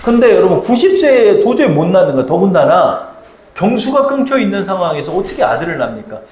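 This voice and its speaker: A male pastor gives a sermon in a chatty style, throwing questions out to his listeners. His voice sits somewhat high for a man. The sound rings with the echo of a church sanctuary. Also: very animated, fast talker, a little mellow. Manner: conversational, asks the congregation questions.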